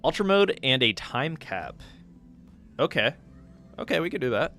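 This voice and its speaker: A man's voice: a little high, normal speed, soft background music. Chatty man casting game matches. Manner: relaxed, chatty, thinks aloud with fillers. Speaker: stream host and match caster. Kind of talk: casual live game commentary.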